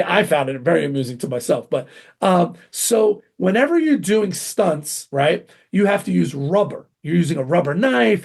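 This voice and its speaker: A middle-aged man, a martial arts grandmaster, telling animated stories in an interview, acting out quotes with sudden jumps in pitch. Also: vocal fry, slightly rough. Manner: excitable, acts out quotes with big pitch jumps.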